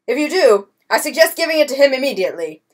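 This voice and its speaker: A woman's voice: high-pitched, big pitch swings, fast, pitched above the performer's own voice. A woman reading a storybook voices a blustering, pompous swindler count who barks commands. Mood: commanding. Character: blustering swindler count, grown man, bold. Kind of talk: audiobook character voice.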